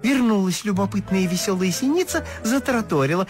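A woman narrating a children's fairy tale in a lively, expressive way. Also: sits low, a little slow, over music. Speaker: storyteller.

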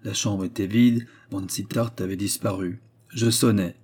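A man narrating a literary short story as an audiobook in a measured, grave storytelling manner. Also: on the low side, fairly even intonation, darkish tone, husky.

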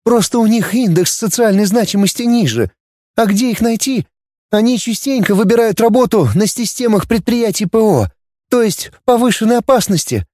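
A man voicing an earnest young woman who is quick to take offense, in a high, pleading, indignant tone. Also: lively intonation, darkish tone, dry recording, studio quality. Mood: subdued.

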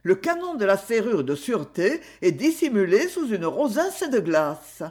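A woman's voice: medium pitch, big pitch swings, unhurried, a little mellow. A woman voicing a frightened young woman who pleads and confesses, her voice raised and trembling. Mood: confessing.

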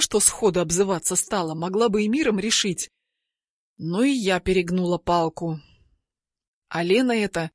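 A woman reading a first-person novel aloud, lively and acting out the dialogue. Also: medium pitch, dry recording, clean studio sound. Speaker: audiobook narrator. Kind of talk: first-person audiobook narration.

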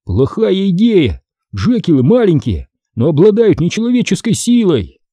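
A wary young boy who speaks in a measured, serious warning, pitched above the reader's own voice, as a man plays him. The tone is dark and husky and the sound is close and dry. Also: wildly swooping pitch, no echo, exaggerated voice. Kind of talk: audiobook character voice.

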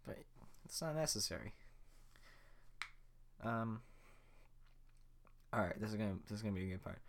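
Joking man reading a script aloud. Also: fairly low pitch. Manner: joking, offhand. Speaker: podcast host. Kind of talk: casual script reading with asides.

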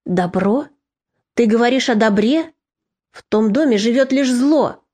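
A woman's voice: on the high side, lively intonation, measured pace, darkish tone. A woman doing a fierce old grandmother. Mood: indignant.

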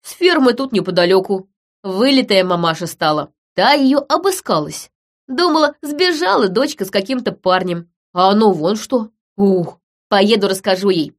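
A woman's voice: mid-range voice, expressive, moderate pace, lightly acted. A woman voicing an eager middle-aged village man who blurts out news, in a storybook reading. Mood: excited.

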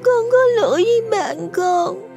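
A man's voice: extremely high pitch, animated, a little slow, creaky, a little mellow, soft background music, pitched above the performer's own voice, exaggerated voice. A man voicing a frightened little ghost girl in a borrowed child's body, tearful and stammering. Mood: tearful pleading. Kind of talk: audio storytelling.

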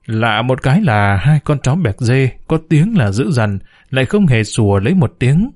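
A man's voice: mid-range voice, very animated, moderate pace, a little mellow. A man reading a suspense story aloud with dramatic storytelling. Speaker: narrator. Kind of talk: audiobook story narration.

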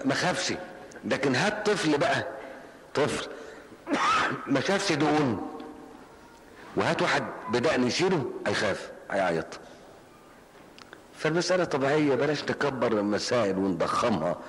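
An older preacher with an Egyptian Arabic accent speaks at medium pitch and moderate pace, with big pitch swings, long pauses and a slightly bright tone. In a mosque hall he answers questions with colloquial stories, repeating phrases for emphasis; the rough recording has big-room sound and slight hiss or hum.

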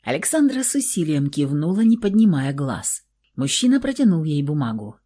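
A woman narrating a novel aloud in an expressive, dramatic audiobook style. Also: sits low, moderate pace.

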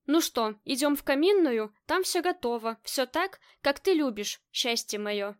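A woman's voice: high voice, animated, a little slow, no echo, studio quality. A woman voicing a tender, playful grown husband in an audiobook, speaking lovingly to his wife. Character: affectionate teasing husband, grown man.

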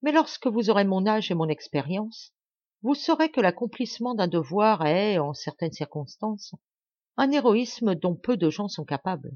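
A woman voicing a dignified older male baron who speaks earnestly and with gentle reproach. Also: medium pitch, lively intonation, normal speed, lightly acted. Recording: dull, dry home recording.

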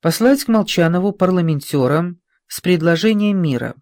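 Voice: mid-range voice, lively intonation, no room sound, natural voice. A reader voicing a dry-voiced old general. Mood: dry, grave. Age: older. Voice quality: dry, cracked voice. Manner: terse, measured, quietly bitter. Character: aging weary former general, dry and proud. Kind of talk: audiobook character reading.

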